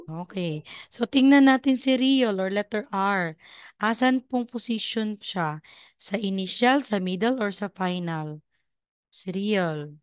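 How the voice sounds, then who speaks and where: Woman, online teacher, slow, smooth, dry close sound, patient, repeats words. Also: mid-range voice, dry recording. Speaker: Korean language teacher. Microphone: video call.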